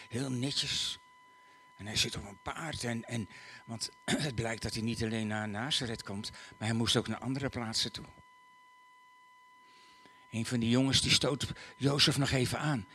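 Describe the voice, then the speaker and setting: A man telling a story to listeners in an animated way, acting out the characters. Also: mid-range voice, slight background noise. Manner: animated, acts out the voices.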